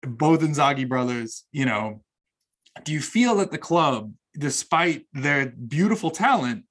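A man hosting a podcast interview, excitably stacking repeated words as he builds his questions. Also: on the high side, unhurried. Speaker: podcast host. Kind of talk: casual interview chat.

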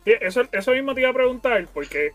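A man hosting a casual interview, laid-back and slangy, quick to laugh. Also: very high-pitched, lively intonation, faint music behind. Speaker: podcast host.

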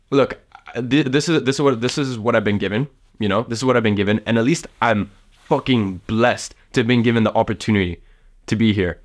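A young man in his late teens from the south of Russia, giving casual motivational advice to camera, rambling and swearing often. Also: medium pitch. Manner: rambling, swears often, heavy use of fillers. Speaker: vlogger giving life advice.

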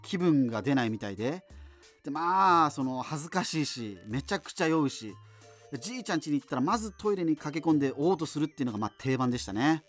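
In a scripted radio drama, a man plays an amateur solo radio host broadcasting in a doomed future, chatting away in a rambling monologue full of digressions, casual asides, and self-interruptions. His voice is a little high with lively intonation, he talks at a quick pace, and soft music plays behind him.

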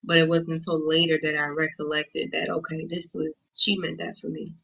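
Woman guest, gravelly and bright, halting delivery, dull lo-fi recording. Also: sits low, flat delivery. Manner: hesitant, many pauses and ums. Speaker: guest sharing her story. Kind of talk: casual interview talk.

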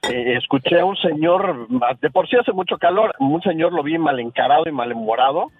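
A man's voice: on the high side, lively intonation, normal speed, phone-quality sound, slight background noise. A man, a co-host on a live radio show, chatting and telling stories from the studio. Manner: chatty storytelling, agreeable interjections.

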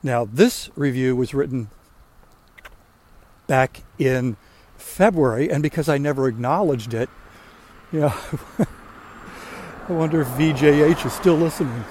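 Older man, mid-pitched, relaxed and rambling, hosting a podcast on a walk. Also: unhurried, pauses often, slight background noise. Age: 60s. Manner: chatty, rambling storyteller. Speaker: podcast host. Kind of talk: casual talk while walking. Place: outdoors on a walk.

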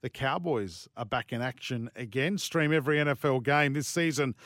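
A man's voice: medium pitch, normal speed, fairly bright tone, no echo, studio quality. An Australian man hosting casual sports radio, emphatic and given to repeating himself. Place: dry radio studio.

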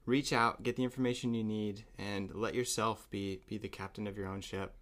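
A man's voice: fairly low pitch, steady tone, normal speed, fairly bright tone. A man who works as a psychotherapist, a guest on a podcast, joking playfully and then giving earnest advice. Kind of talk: casual interview chat.

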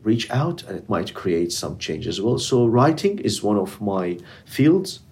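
A middle-aged man whose first language is Arabic, a community educator, speaks earnestly in a casual interview, using non-native English grammar. His voice is on the low side, husky and darkish, with a sing-song, unhurried delivery.

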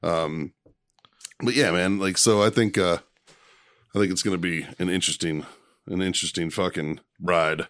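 A man's voice: low voice, fairly even intonation, normal speed, long pauses, fairly bright tone, dry recording. A man in his forties, a podcast host talking casually and bluntly, swearing often. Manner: profane, blunt. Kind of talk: casual chat.

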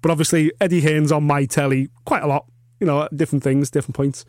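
A man's voice: a little high, fairly even intonation, fast, darkish tone, dry recording, clean studio sound. A British man co-hosting a boxing podcast, giving opinions in a matey, sweary, casual chat.

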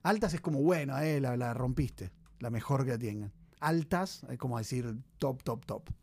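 A man's voice: medium pitch, normal speed, a little mellow, husky. A man in his forties from Argentina with an Argentine accent, chatting casually and explaining slang with lots of examples. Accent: Argentine Spanish. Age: 40s. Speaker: guest teaching slang. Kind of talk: casual chat.

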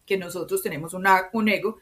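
Expressive woman with a paisa accent. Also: on the low side, fast. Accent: Colombian paisa (Antioquia). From Medellín, Colombia. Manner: expressive, often adds tag questions. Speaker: interview guest. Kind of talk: conversational explaining.

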